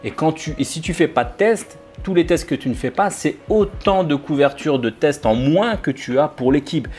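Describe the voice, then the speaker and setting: A man who works as a software developer, explaining testing to viewers in a casual, informal vlog with sarcastic jokes and frequent restarts. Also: a little high, expressive, normal speed, slightly rough, soft background music. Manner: jokey, sarcastic asides.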